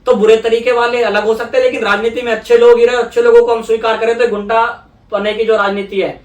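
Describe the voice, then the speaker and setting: A man's voice: very high voice, little pitch movement, fast talker, recorded from a distance. A young man from India, a politician guest in an interview, explaining earnestly and repeating phrases for emphasis. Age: young adult. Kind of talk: conversational interview. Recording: echoey room, voice away from mic.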